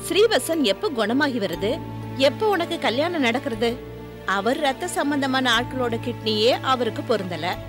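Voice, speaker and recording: A woman's voice: high-pitched, lively intonation, moderate pace, music in the background. An actress playing a worried elder sister questioning her younger sibling, in a TV serial. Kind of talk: TV serial acting.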